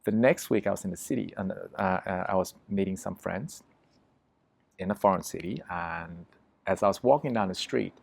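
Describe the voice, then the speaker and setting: A low-pitched man with a gravelly edge tells a story as a podcast guest. He is emphatic and vivid, swearing freely as he goes. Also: lively intonation, moderate pace, no echo. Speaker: interview guest.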